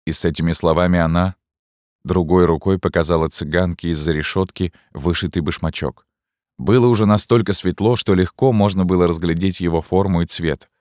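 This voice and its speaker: A man narrating a classic novel as an audiobook in a measured, steady storytelling manner. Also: deep voice, dry recording, clean studio sound. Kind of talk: scripted narration.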